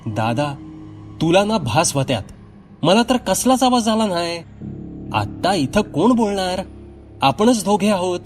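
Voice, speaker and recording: A man's voice: sits high, sing-song, measured pace, pauses often, soft background music, pitched above the performer's own voice. A man doing a sleepy rustic villager. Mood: drowsy. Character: drowsy, dismissive young village man.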